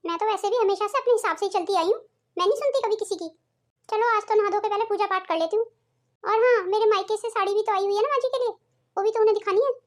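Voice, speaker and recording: A woman's voice: extremely high pitch, fast talker. A woman doing a sulky headstrong young bride. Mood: grumbling. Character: young newlywed daughter-in-law, lazy and headstrong.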